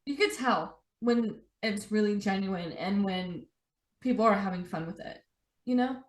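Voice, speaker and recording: A young woman hosts a podcast conversation in a chatty, relaxed way, peppering her sentences with "like." Her voice sits at a middle pitch. The room gives it a noticeable echo. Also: measured pace. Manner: chatty, says "like" often. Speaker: podcast host. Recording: roomy echo.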